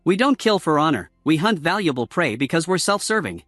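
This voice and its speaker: A man's voice: a little high, brisk, no echo, clean studio sound, soft background music. A man voicing a cocky, coldly menacing young male hunter in a story recap. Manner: flat and menacing.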